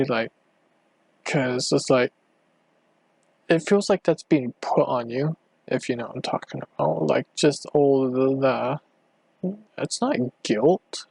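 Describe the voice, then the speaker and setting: This is a man's first solo podcast, recorded at home at night on an inexpensive microphone with no room sound. Medium in pitch, with vocal fry and a slightly mellow tone, he rambles hesitantly through a casual monologue, often breathless and constantly restarting or filling gaps.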